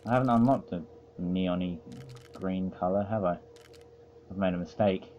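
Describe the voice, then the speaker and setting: A man's voice: deep voice, moderate pace, warm tone, a little hiss or hum. A man casually commenting on a racing game he is playing, rambling and poking fun at himself in a dry way. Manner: rambling, self-mocking and dry. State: feeling overheated. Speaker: let's play host.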